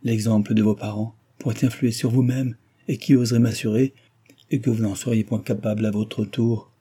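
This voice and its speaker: A man's voice: lowish voice, little pitch movement, normal speed, warm tone, husky. A man voicing a proud young woman who answers with firm indignation and reproach. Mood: reproachful.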